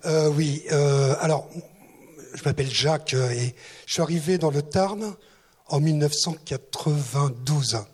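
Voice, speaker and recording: A former municipal youth director, once head of a town's youth service, recounts his story before an audience in a husky, fairly high voice at a measured pace. He hesitates often with fillers and remarks that his French accent is not southwestern.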